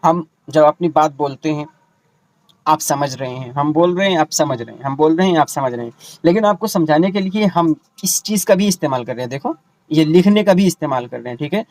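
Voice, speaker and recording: A man teaching an online exam-prep lesson. He explains terms slowly, repeats them with English equivalents and asks the students rhetorical questions. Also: fairly high pitch, animated, darkish tone.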